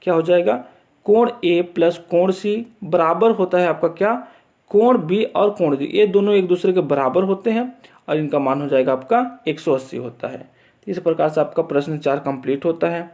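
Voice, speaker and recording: A man's voice: a little high, moderate pace, darkish tone. A man teaching math, walking students through a board exam assignment step by step and checking in often as he goes. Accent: Chhattisgarh Hindi. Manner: repeats steps with frequent "theek hai" check-ins.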